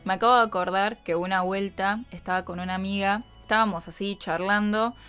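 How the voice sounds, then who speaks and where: A woman's voice: medium pitch, steady tone, a little fast, fairly bright tone, clear, resonant tone, faint music behind. A woman with an Argentine accent, a voice coach hosting a reflective solo podcast, talking conversationally and often checking in with her listeners. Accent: Argentine Spanish. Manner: conversational, frequent tag questions to listeners.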